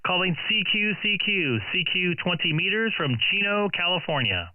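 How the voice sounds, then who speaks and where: A man's voice: high voice, expressive, normal speed, no room sound. Man making a tinny ham radio call. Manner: repetitive radio call-sign procedure. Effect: ham radio transmission over the air. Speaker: ham radio operator calling CQ. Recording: tinny, phone-like radio audio.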